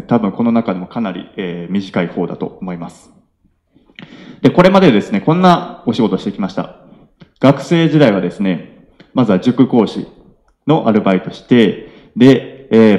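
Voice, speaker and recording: A man in his late twenties with a Kansai accent, giving a polite self-introduction at a local meetup, often pausing on filler sounds. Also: on the low side, warm tone. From Nara, Japan. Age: 20s. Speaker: young entrepreneur presenter. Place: event hall with audience.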